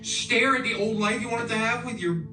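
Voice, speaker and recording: A man's voice: extremely high pitch, a little fast, sharp tone. A man acting in a television drama as a hurt, bitter young man confronting his girlfriend. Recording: roomy distant playback with music.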